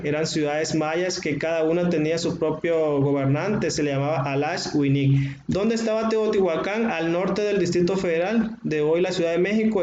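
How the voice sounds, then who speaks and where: A man with a Mexican accent, a history teacher lecturing to his class and explaining slowly, stretching out words, with frequent filler sounds. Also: fairly high pitch, a little mellow. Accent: Mexican Spanish. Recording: roomy, dull, faintly noisy.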